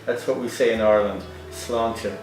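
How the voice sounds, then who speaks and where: A man's voice: medium pitch, normal speed. Man in playful mock Irish brogue. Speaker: co-host. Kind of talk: casual chat. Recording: echoey room with music.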